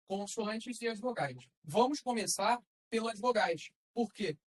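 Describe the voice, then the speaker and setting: A woman's voice: mid-range voice, lively intonation, measured pace, rough recording. Patient woman teaching a class. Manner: patient, explains step by step with check-in questions. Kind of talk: classroom lesson.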